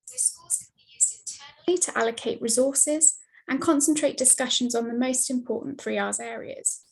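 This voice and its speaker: A woman giving a steady, scripted slide presentation over a video call, her mic cutting in and out. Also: a little high, creaky, slightly rough, poor audio. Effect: video call audio, mic cutting in and out. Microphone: computer mic on a video call.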